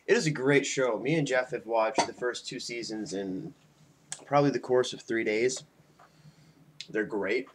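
A man's voice: mid-range voice, a little slow. A man in his twenties, tipsy from beer, rambling casually and loosely to his friends in a homemade webcam vlog. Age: 20s. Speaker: video blogger. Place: small indoor room at home. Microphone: webcam mic at about arm's length. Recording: faint noise on webcam audio.

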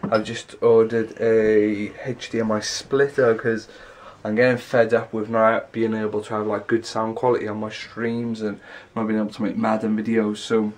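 The young vlogger speaks in a lowish voice at normal speed, level in tone and with few pauses, his nose stuffed up and throat sore. Filming himself handheld at arm's length indoors in small rooms of his house, he rambles casually in loose, run-on sentences.

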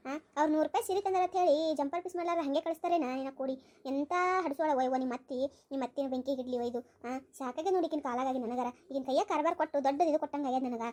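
A woman's voice: high voice, fast talker, warm tone, close to an everyday voice. A woman voicing a fussy, bossy old grandmother with a North Karnataka Kannada accent, scolding and grumbling.

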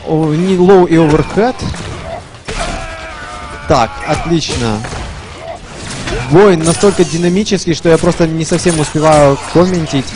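A man commentates live at a gaming tournament in a casual, chatty way with playful asides. His voice sits a little high, and music plays prominently behind him. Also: unhurried, long pauses. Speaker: esports commentator.

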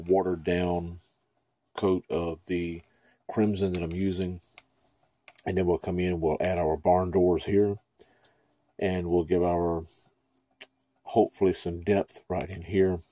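Deep-voiced man teaching painting. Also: no room sound. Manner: relaxed, chatty, thinks aloud while painting. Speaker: painting instructor. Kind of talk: casual painting tutorial. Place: dim room at an easel.

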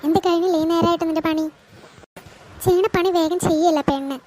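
A woman voicing a shrill bossy mother-in-law. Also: steady tone, a little fast, a little hiss or hum. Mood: scolding. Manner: scolding, shouting orders. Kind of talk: cartoon voice acting.

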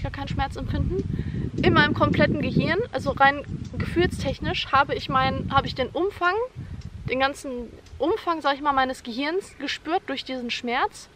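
A woman's voice: sits high, a little hiss or hum. A young woman vlogging a personal story, retelling it vividly and dramatically at home. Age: young adult. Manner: vivid, dramatic retelling, acting out her own screams and quoting others. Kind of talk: personal birth story told to camera.

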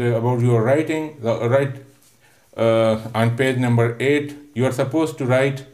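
A man's voice: medium pitch, darkish tone. Male English teacher for a recorded lesson: patient, repetitive, lots of "uh" fillers, stretches words to break them into syllables. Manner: patient, repetitive, explains word by word with many "uh" fillers; drawn-out syllable sounding when teaching pronunciation. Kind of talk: recorded online classroom lesson.

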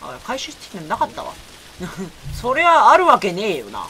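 A man giving let's play commentary, talking to himself and yelling at the enemy in sudden outbursts. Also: high voice, huge pitch swings, normal speed. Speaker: game streamer. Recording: keyboard typing noise behind the voice.

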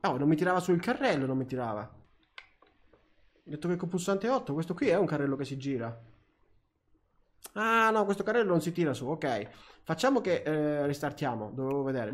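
A young Italian man commenting on his flight simulator gameplay, excitable, swearing often and talking to himself and the plane. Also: a little high, fairly quick. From Italy. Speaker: gaming youtuber. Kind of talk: flight sim let's play commentary.

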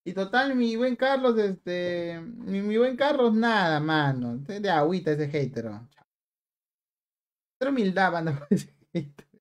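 A man's voice: high voice, lively intonation, unhurried. A young man hosts a live game stream, chatting playfully with viewers. He teases them in a casual, joking tone and reads their messages aloud. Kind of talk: live stream chat while gaming.

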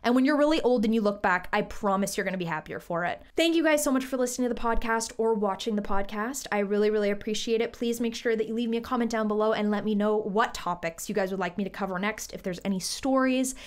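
A woman's voice: mid-range voice, fast talker, few pauses. Earnest chatty young woman podcaster. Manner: casual, earnest, chatty with fillers. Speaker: podcast host. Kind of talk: solo podcast monologue.

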